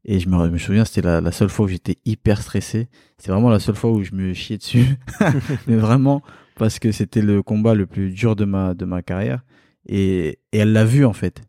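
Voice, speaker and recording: A man's voice: lowish voice, a little fast, warm tone, no room sound, clean studio sound. A man from Cameroon, a guest in a home interview, talking candidly and reflectively and laughing easily. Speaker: podcast guest, kickboxing champion. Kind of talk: relaxed interview talk. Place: living room at his home.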